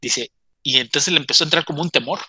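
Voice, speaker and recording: A man's voice: a little high, fast, sharp tone, slightly rough, no echo. A man casually telling a story, chatty and often stammering as he restarts his phrases.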